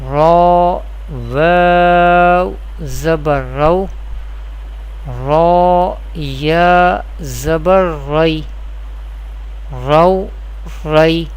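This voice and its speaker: A teacher's clear, resonant, medium-pitched voice carries a scripted Quran recitation lesson despite a rough recording. The lesson proceeds deliberately via repeated questions and answers, with examples spelled out.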